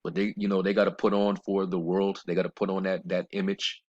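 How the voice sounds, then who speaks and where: Low-voiced man preaching bluntly over dull audio. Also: flat delivery, a little mellow. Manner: rambling, with many fillers and restarts; reads scripture in a slower, measured cadence. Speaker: religious commentator. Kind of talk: informal scripture commentary. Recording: dull lo-fi recording.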